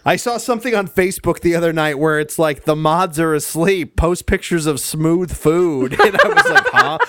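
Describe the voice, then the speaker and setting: Man, slightly high voice, rambling and hesitant, casual podcast chat, dry close mic. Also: moderate pace, clean tone, no room sound. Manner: rambling, hesitant storytelling with many fillers.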